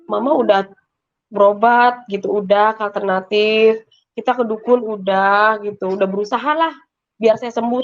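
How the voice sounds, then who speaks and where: A woman giving a personal faith testimony, telling her story emotionally in a casual, repetitive way. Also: on the high side. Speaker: testimony giver. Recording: muffled lo-fi sound.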